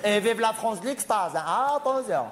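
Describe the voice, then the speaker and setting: A man's voice: high-pitched, animated, moderate pace, noisy background. A man performing a stand-up monologue as a vain, chatty, flamboyant male cabaret performer who snaps at hecklers. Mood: gossipy. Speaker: comedian.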